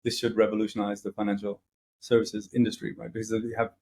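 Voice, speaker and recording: A man's voice: lowish voice, completely flat delivery, fast, creaky, darkish tone, husky. A middle-aged man talking as an interview guest, casual and hesitant, with frequent fillers and restarts. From grew up in several countries.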